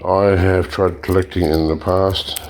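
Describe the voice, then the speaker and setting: At a moderate pace, a mellow man with a low voice demonstrates things for his e-waste recycling channel in a casual, hands-on way. There are lots of fillers and restarts as he calmly explains while working, and his slightly hoarse voice breaks for throat-clearing.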